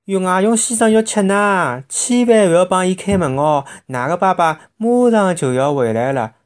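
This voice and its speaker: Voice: mid-range voice, sing-song, moderate pace, warm tone, pitched above the performer's own voice, close to an everyday voice. A storyteller as an anxious lady bird, Shanghainese accent. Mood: alarmed. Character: female bird friend, anxious, helpful young lady.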